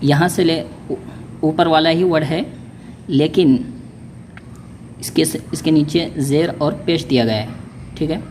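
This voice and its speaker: A man gives a step-by-step reading lesson, spelling out letter sounds one at a time at an unhurried pace. His voice sits a little high, and he keeps checking that the learner is following. A faint hum of room noise runs underneath. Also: darkish tone. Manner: repeats "ठीक है" to check understanding. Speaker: Urdu teacher.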